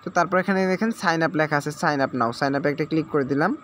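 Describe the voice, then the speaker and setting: In this screen-recorded app tutorial, a man with a fairly high, fairly bright voice talks at a quick pace over a little hiss or hum. He explains the sign-up step by step with lots of repetition and frequent check-ins, using some English words along the way.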